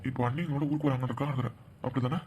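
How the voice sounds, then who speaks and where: A man voicing a young man in a cartoon, gently teasing and persistent. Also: medium pitch, fairly even intonation, racing, loud music behind the voice, natural voice. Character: young man leaving for abroad, tender and teasing. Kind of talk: cartoon voice acting.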